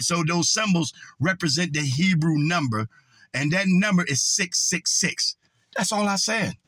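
Man, high voice, dry close sound, preachy scolding rant. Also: sharp tone, dry recording. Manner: preachy, scolding, quotes scripture. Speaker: online commentator. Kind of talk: confrontational video rant.

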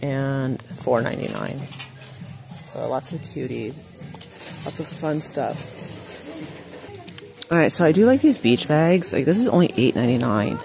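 A shopping vlogger with a very deep, expressive voice speaks a little slowly, with long pauses, as music plays in the background. Browsing a large indoor store, she narrates a casual shop-with-me video, chatting to "you guys" and reading prices aloud. She stays off camera, holding the phone she films with, and its audio captures clear store noise.

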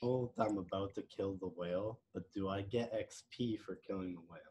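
A man playing a tabletop game, giving quiet offhand replies. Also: sits low, a little fast. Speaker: player. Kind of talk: casual game table chat. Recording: quiet voice from far off the mic.

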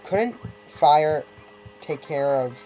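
Brief: male let's-player, easygoing and slow-talking, mellow tone, chatty asides, faint game music underneath. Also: a little high, expressive, rough recording. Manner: rambling, self-interrupting, wry asides. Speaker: let's play gamer. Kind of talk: casual gameplay commentary.

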